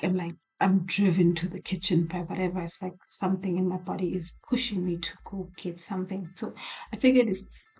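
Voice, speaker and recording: A woman's voice: fairly low pitch, breathy edge. A woman whispering a candid late-night diary vlog in a small apartment, rambling with many restarts. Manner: hushed whispering. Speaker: video diarist.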